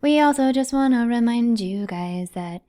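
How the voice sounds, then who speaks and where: A woman's voice: on the high side, animated, mellow. A woman co-hosting a podcast, chatting casually in a bubbly, playful way and joking with her co-host. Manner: bubbly, playful, quick to joke.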